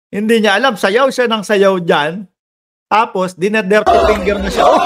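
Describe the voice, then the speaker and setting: A man giving casual, mocking political commentary, laughing often and jumping between loud chants and low asides.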